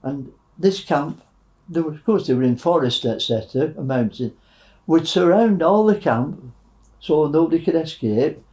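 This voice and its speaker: A man in his nineties, a war veteran recounting wartime memories in a halting way, with many fillers. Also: a little high, expressive, darkish tone, rough recording. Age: 90s.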